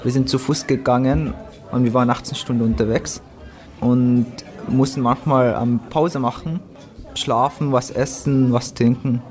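A young man playing a quiet newcomer schoolboy in an amateur school drama, speaking slow, simple German with many hesitations. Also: mid-range voice, fairly even intonation, close to an everyday voice.

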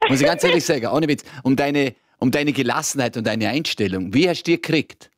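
A man's voice: medium pitch, expressive, fairly quick, no room sound, clean studio sound. Chatty man hosting late-night radio. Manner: friendly, chatty, with fillers and restarts. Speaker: radio host. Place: radio studio. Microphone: studio microphone.

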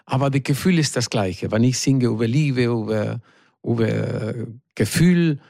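Halting middle-aged man with Argentine accent. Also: medium pitch, gravelly, warm tone, dry recording, studio quality. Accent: Argentine Spanish. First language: Spanish. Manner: hesitant, halting, searching for words in a second language. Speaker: singer, studio guest. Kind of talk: radio interview.

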